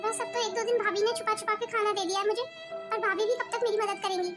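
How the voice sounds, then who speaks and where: A woman's voice: extremely high pitch, fairly even intonation, fast, faint music behind. A woman voicing a firm, outspoken young wife in a cartoon family drama. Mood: worried. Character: defiant young village-bred wife. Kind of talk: cartoon voice acting.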